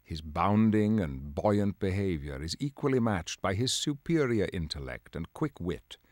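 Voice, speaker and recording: Music plays beneath a man's solemn dramatic narration as he portrays the dignified, grave leader of mutant superheroes in a video game. His low voice is animated and a bit mellow, keeping a measured pace and mood. The sound is clean studio quality with no echo.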